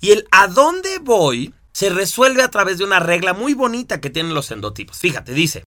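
Bright, lively man lecturing. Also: high voice, moderate pace. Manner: expressive, punctuates points with sound effects and rhetorical questions. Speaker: teacher. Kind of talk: animated lecture.

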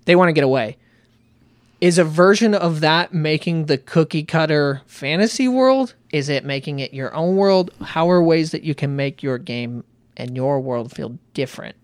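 A man co-hosting a casual podcast chat about running tabletop games, animated and laughing often. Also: fairly high pitch, normal speed, dry recording. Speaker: podcast co-host and game master.

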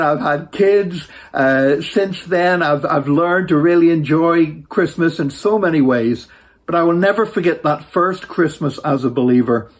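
Husky, lilting Irish male storyteller. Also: a little high. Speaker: preacher. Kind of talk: personal testimony storytelling, devotional talk.

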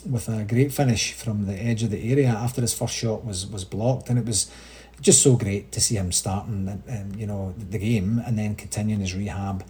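A man's voice: on the low side, fairly even intonation, normal speed, warm tone. A Scottish man hosting a casual solo podcast update, chatty and rambling, with frequent restarts. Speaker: supporters' association podcast host.

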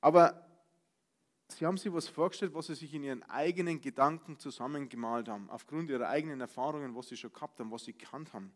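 Talking fast in a medium-pitched voice, a Bavarian preacher delivers his sermon with a mix of loud outbursts and quiet asides. He also imitates grumbling voices.

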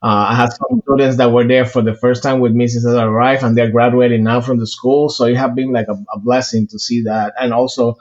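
A man's voice: mid-range voice, level tone, fairly quick, hardly any pauses, muffled recording. A man with a Puerto Rican Spanish accent, a priest talking earnestly in a casual interview, with many fillers and restarts. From Puerto Rico.

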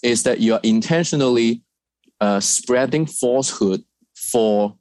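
A man's voice: mid-range voice, a little slow, a little mellow, no echo. A man from China, a research fellow, answering interview questions thoughtfully with frequent fillers and restarts.

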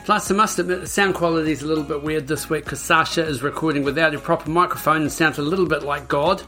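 A woman's voice: low voice, fast talker, sharp tone, soft background music. A woman hosting a podcast in a casual, upbeat, conversational style. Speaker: podcast host.

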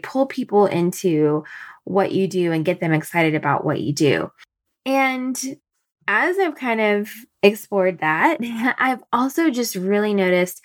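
A woman in her thirties hosting a solo podcast from home early in the morning, her voice a bit raspy, chatty and thinking out loud with fillers. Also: mid-range voice. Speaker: podcast host. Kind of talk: casual solo podcast talk.

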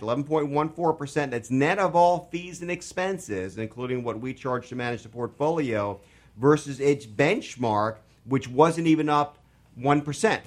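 Male radio host, investment talk, mid-pitched, halting delivery full of fillers. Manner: halting, many fillers and restarts, joking.

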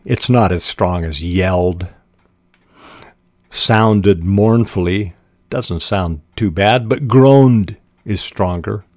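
An older man hosting a podcast on writing, giving measured, deliberate advice in a scripted talk. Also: lowish voice, darkish tone, dry recording, studio quality. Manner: measured, deliberate teaching delivery.

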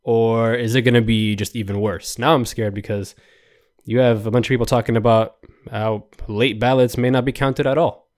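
A young man hosting a solo podcast, rambling and joking in an animated, exasperated rant. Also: medium pitch, moderate pace. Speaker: podcast host. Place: New York.

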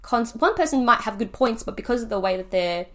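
Fast-talking, emphatic young woman. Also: a little high, animated, fairly bright tone. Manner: talkative, emphatic, explains with acted-out quotes. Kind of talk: casual conversational explaining.

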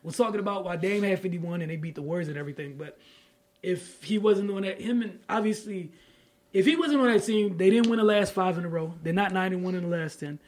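A man co-hosting a casual sports podcast, emphatic and slangy, building up to loud points. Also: sits high, fast. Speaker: podcast co-host.

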